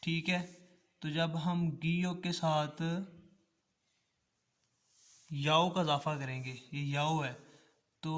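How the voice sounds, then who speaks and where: Slow, patient male language teacher. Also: a little high. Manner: patient, repeats each syllable twice. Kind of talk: slow step-by-step language lesson.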